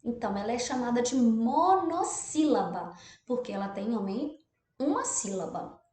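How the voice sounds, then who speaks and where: A Brazilian woman with a fairly high, very lively voice walks young children through a textbook exercise. She stretches out syllables and keeps checking that they follow. The recording has a noticeably echoey room sound. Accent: Brazilian Portuguese. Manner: lively, drawn-out stressed syllables, frequent "tá bom?" checks. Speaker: primary school teacher.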